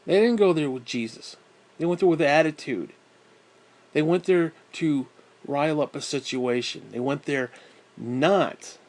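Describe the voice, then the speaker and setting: A man ranting in a vlog, blunt and exasperated, swearing constantly and sighing heavily. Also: mid-range voice. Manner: profane, blunt, exasperated, with heavy sighs. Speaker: vlogger. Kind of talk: angry ranting monologue.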